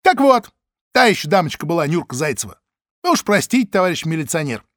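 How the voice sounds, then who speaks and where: A man reading an audiobook voices a loud, coarse woman janitor who talks in a crude, folksy, mocking way. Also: fairly high pitch, very animated, fast talker, no room sound, clean studio sound. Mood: brash.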